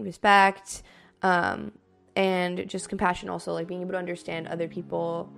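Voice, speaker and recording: A woman's voice: on the low side, vocal fry. A woman podcast host explaining things in a casual, conversational and reassuring way, with frequent filler words like "like" and "kind of".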